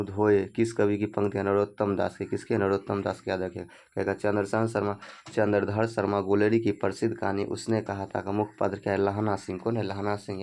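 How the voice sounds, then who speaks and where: Flat-voiced man drilling exam answers. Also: on the low side. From Bihar, India. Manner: drills answers by repeating questions. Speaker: exam coach. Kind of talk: exam prep lesson.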